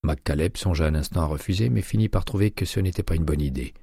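This crime audiobook is narrated by a man whose voice sits very low and dark, roughened by a slight huskiness. He reads steadily and evenly, and the close-miked recording is completely dry, free of any room ambience.

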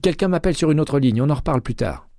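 A male audiobook reader voicing a guarded female police detective, raising his voice for her brisk, clipped phone talk. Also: fairly high pitch, animated, mellow, dry recording, clean studio sound, pitched above the performer's own voice.

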